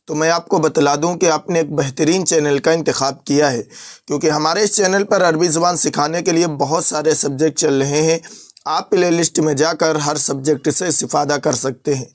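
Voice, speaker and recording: A man with an Urdu accent teaching everyday Arabic phrases in a recorded lesson, repeating each phrase slowly and glossing it in Urdu and English. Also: on the high side. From South Asia.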